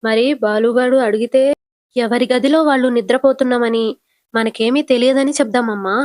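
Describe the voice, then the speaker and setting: A cowardly grown son whines and wheedles, voiced by a woman retelling a soap. The voice sits a little high and dry, drawn out slowly. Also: darkish tone, dry recording, close to an everyday voice. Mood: whiny.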